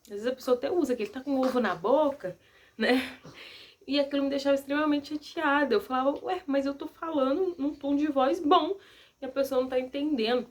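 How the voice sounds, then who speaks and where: A young woman vlogger giving casual advice to the camera, soft-spoken, gentle and earnest. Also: high voice, brisk.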